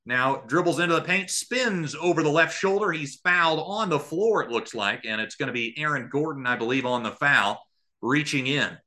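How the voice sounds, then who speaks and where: Pitched fairly high and sounding pushed and bright, this man is animated as he calls a basketball game live on radio at a moderate pace. His play-by-play runs in brief present-tense bursts, with analysis added along the way.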